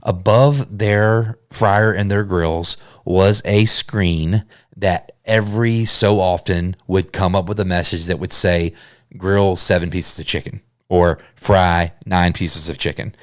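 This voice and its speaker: A man with a fairly low voice hosts a solo business show, earnest and conversational, now and then stumbling and restarting a phrase. The sound is close and dry, with no room echo at all. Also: steady tone, measured pace. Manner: earnest, conversational, with self-corrections. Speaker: podcast host.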